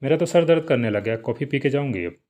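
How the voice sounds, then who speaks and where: A man's voice: mid-range voice, animated, quick pace, a little mellow, pitched above the performer's own voice, close to an everyday voice. A man voicing a curious older sister who pries and teases with questions. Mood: prying. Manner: prying, teasing questions.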